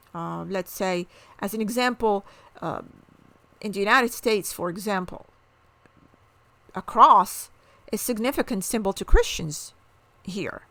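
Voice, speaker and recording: A woman's voice: on the high side, fairly bright tone, no room sound. A middle-aged woman from Morocco, explaining culture and ethnicity in an educational talk, asking the viewer questions and giving examples.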